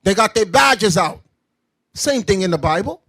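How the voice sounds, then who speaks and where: A man teaching scripture to a class, loud and confrontational, breaking into shouts and explaining verses in everyday slang. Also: sits high, animated, normal speed, no room sound. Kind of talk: street-style preaching commentary.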